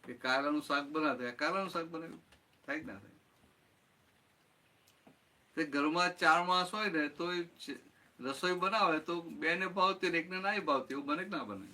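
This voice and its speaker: A man's voice: on the high side, moderate pace, pauses often, pushed and bright. A man giving a satsang talk as spiritual teacher, explaining with everyday examples and often checking that listeners follow. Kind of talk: satsang talk answering a question.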